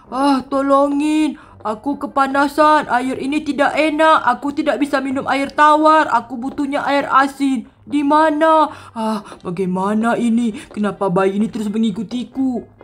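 A woman's voice: sits high, fairly even intonation. Woman voicing a whiny parched king worm. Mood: distressed. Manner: pleading, drawn-out complaining.

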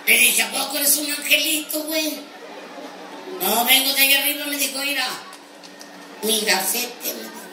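Brief: a Mexican ranch hand, shrill and cheeky, cracking raunchy jokes, recorded far off in a noisy live room with a crowd. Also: male voice, normal speed, long pauses. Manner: high squeaky voice, bawdy punchlines, shouted outbursts. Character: naive boastful rural ranch hand, male. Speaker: stand-up comedian in character. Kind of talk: live comic monologue. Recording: roomy live venue from far off, crowd and noise.

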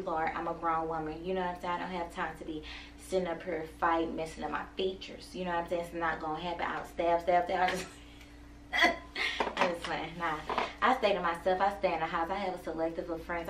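A woman's voice: lowish voice, flat delivery, brisk. Chatty 20s woman, rambling on to her viewers, roomy sound, a bit far from the mic. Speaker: vlogger. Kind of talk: casual chat to viewers. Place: home room. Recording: roomy, from a distance, faint noise.

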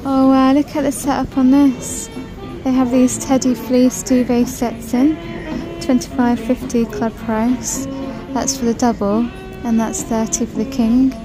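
A British woman films herself on her phone while walking around a big indoor supermarket, chatting, gushing over products and reading out their prices. Her voice is high and flat, her pace is measured, and music plays behind her on a poor-quality recording.

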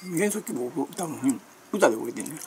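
A chatty vlogger from Kansai, Japan, with a Kansai accent, talks a little fast with a lively pitch, and there's a faint hiss or hum. Her casual chat rambles and meanders, and she refers to herself by nickname, laughing and using fillers frequently.

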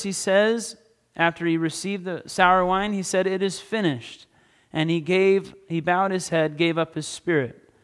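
A man preaches to a congregation, with a high, smooth, resonant voice. He dramatizes the quoted exchanges, climbing in pitch and volume. The sound carries a long reverb from a large hall. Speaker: pastor. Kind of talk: sermon.

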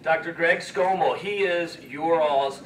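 A man's voice: fairly high pitch, slight background noise. Emotional man speaking in an echoey room. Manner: emotional, halting, earnest. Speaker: expedition leader. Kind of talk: speech to schoolchildren. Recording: echoey room from far off, faint ambience.

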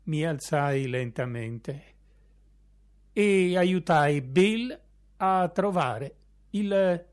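A man reading a literary short story aloud in a slow, measured storytelling manner. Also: on the high side, expressive. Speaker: reader.

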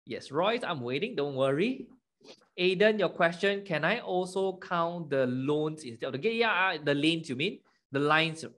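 A man's voice: high voice, a bit bright. A young man tutoring children in maths online in the manner of a kids' show host, often prompting them with questions. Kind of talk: interactive lesson for children.

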